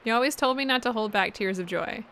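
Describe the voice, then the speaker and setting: A woman voicing a doting old grandmother in a video game, speaking with gentle, tearful tenderness. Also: fairly high pitch, quick pace. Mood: tender.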